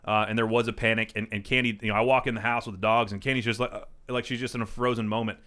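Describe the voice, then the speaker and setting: A man's voice: fairly low pitch, flat delivery, racing, a bit bright. A man in his thirties co-hosting a casual group chat, rambling and emphatic, swearing freely as he tells stories and gives advice. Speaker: podcast co-host.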